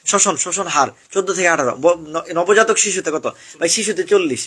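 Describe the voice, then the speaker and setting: Rapid-fire young coach, bright voice. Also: male voice, high voice, slightly rough. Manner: rapid, repetitive drilling of topics to students. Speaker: admission exam coach. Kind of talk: live online exam review class.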